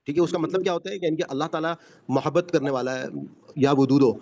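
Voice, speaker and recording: A man leads a Quran vocabulary lesson over a video call. He explains patiently, with many fillers, in a fairly high voice. The call audio sounds dull and muffled. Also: darkish tone. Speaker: teacher.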